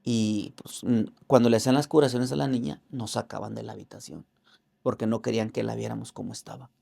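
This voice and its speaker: Very gravelly man telling his testimony. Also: mid-range voice, fairly even intonation, warm tone. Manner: earnest, halting storytelling with religious fervor; acts out other people's words in raised voices. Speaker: interview guest. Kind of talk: personal faith testimony.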